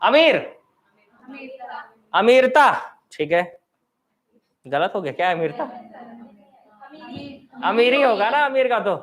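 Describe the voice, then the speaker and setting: A man's voice: high-pitched, sing-song, slow pace, pauses often. A man teaching an online exam-prep class, calling out words one by one, asking students for answers and then correcting them. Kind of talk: online coaching class, quizzing students on word forms.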